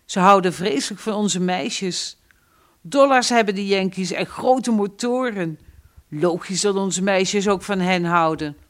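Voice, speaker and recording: A woman's voice: medium pitch, a little slow, lightly acted. Lady reading a joking brother, storybook, plain voice. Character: laughing young brother.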